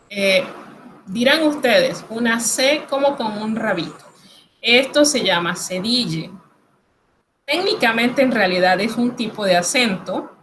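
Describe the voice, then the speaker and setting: This woman's voice is mid-range with a fairly bright tone, captured on poor audio that carries some hiss or hum. Speaking Spanish with a Latin American accent, she gives a recorded lesson on French pronunciation. She explains each sound step by step in a patient, reassuring way.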